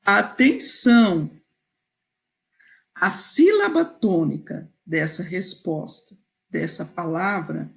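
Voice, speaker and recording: In a video lesson, a woman teacher slowly and patiently walks students through a set of exercises, pausing often and checking in with "ok?" and "certo?". Her pitch rises and falls a lot, and her voice has a slight gravelly edge.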